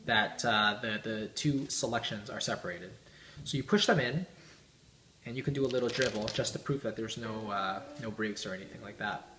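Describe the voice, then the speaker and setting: A man's voice: mid-range voice, fairly bright tone. A man giving informal card magician patter, teaching tricks step by step as he demonstrates them, talking to the viewer like a spectator. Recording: roomy echo, guitar music behind. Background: plucked guitar music.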